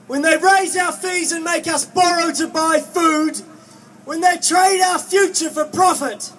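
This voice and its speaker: Outdoors at a street march, a young postgraduate student activist gives a prepared political rally speech with emphatic oratory. His voice is strikingly high and fairly bright, picked up from a distance with faint noise.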